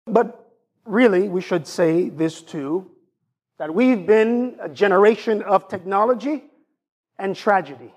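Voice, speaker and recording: A man's voice: sits high, expressive, unhurried, breathy edge. A man with a Jamaican accent preaching a sermon to his congregation, asking them rhetorical questions as a pastor.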